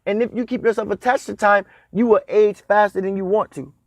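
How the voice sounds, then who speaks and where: This spiritual teacher, a man in his 30s whose voice sits high with fairly even intonation, talks briskly about dream meanings. His cadence is preacher-like, repetitive and emphatic, and there's no room sound.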